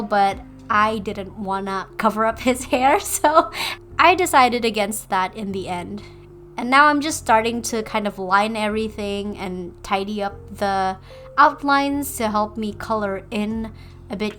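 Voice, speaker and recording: A woman's voice: medium pitch, fairly bright tone. A young woman from Indonesia, chatting casually in a voice-over about her drawing process, with playful self-deprecating asides. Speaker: artist and video creator.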